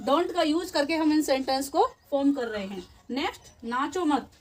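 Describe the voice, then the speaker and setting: A woman teacher, explaining short sentences step by step and repeating each phrase slowly. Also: high voice, expressive, darkish tone. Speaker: English teacher. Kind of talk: spoken English lesson.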